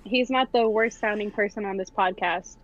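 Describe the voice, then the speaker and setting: A woman's voice: medium pitch, normal speed, muffled recording, crowd noise. A woman in casual group podcast chat, blunt and teasing as a panelist.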